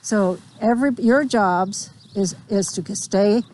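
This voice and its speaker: A woman's voice: mid-range voice, takes it slowly, darkish tone, a little hiss or hum. A woman riding instructor outdoors, explaining drill directions firmly and checking that her riders understand. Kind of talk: spontaneous hands-on instruction.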